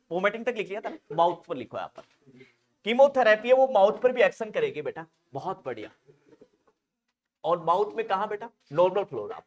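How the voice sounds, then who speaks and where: A man teaching a nursing exam class online, joking and teasing his students for laughing. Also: high-pitched. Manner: animated, laughs often.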